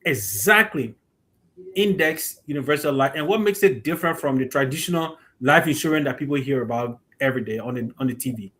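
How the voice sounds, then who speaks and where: A man's voice: medium pitch, animated, fairly quick, fairly bright tone. A man hosting an interview, addressing his guest as a brother and restarting phrases. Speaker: host.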